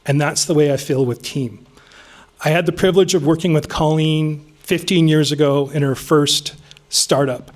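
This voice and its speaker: A man in his fifties from Vancouver, giving an unscripted, earnest campaign speech to a room with frequent ums. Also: on the high side. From Vancouver, Canada. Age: 50s. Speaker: city council candidate. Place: meeting room with an audience.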